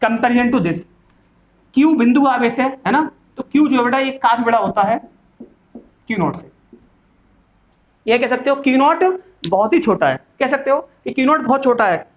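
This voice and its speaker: A man's voice: very high-pitched, expressive, normal speed, pauses often. A male physics teacher lecturing in speech, asking questions and answering them himself. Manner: asks and answers his own questions, calls students "beta". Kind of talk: classroom lecture. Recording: dull lo-fi sound.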